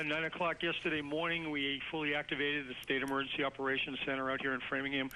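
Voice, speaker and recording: A man's voice: mid-range voice, sharp tone, slight background noise, rough recording. A man briefing as an emergency management official in a live news interview, hesitating often as he goes.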